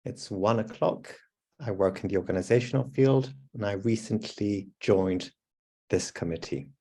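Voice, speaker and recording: Italian man, low voice, polite and brisk, video call. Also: dark tone. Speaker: committee member introducing himself. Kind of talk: brief self-introduction on a video call.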